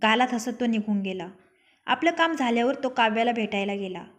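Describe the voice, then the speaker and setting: A woman's voice: a little high, lively intonation, fairly quick. A young woman narrating her own written love story, reading every character's lines herself.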